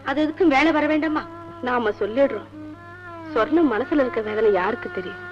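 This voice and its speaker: A woman's voice: high voice, fairly quick, dull audio, natural voice. An actress as a coaxing village woman friend. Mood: soothing. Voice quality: coaxing, reassuring. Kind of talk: 1960s Tamil film acting. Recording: old film soundtrack with loud music.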